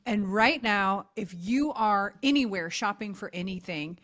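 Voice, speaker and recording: A woman co-hosts a podcast interview in a mid-pitched voice. She is upbeat and presses her guest with probing questions. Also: lively intonation, measured pace, fairly bright tone. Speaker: podcast co-host.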